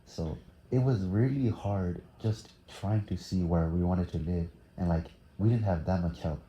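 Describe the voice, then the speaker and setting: Very deep, dark-voiced teen boy. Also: measured pace, roomy sound, dull audio. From Thailand. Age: teens. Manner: hesitant, many fillers and restarts. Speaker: interviewee. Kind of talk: casual interview answers.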